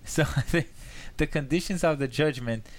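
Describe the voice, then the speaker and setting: A man's voice: on the high side, normal speed. Man from Brazil asking questions aloud. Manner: questioning, searching for words. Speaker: theology student guest. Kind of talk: casual discussion.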